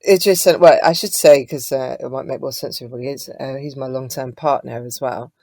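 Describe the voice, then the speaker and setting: A woman's voice: rumbling low, fast, creaky, no echo. A woman, a singer-songwriter guest, chatting casually in an interview and telling stories with many fillers. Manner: chatty, warm storytelling with frequent fillers.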